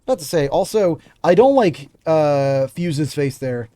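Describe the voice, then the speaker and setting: A man's voice: a little high, expressive, measured pace, mellow. A young man calling a live video game match play by play, breaking off to chat with viewers. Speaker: game commentator and streamer.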